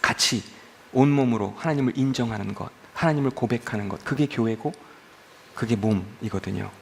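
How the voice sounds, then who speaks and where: A man's voice: medium pitch, a little fast, creaky, slight background noise. A man preaching a sermon as pastor, conversational and humorous, often asking the congregation questions.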